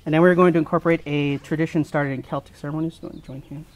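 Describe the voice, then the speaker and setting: A man's voice: fairly high pitch, fairly even intonation, very fast. A man officiating an informal wedding, explaining the ceremony in a wry way. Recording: live ceremony with faint ambient noise.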